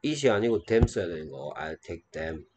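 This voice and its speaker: Slow, low-voiced man teaching English. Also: very animated, darkish tone. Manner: reads English lines slowly and deliberately, then explains in Korean. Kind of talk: textbook lesson explaining dialogue.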